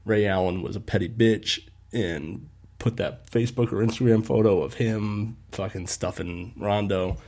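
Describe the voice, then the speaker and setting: A man's voice: fairly low pitch, fairly even intonation, moderate pace, darkish tone. A man hosting a casual sports podcast, rambling and laughing often as he corrects himself. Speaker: podcast host.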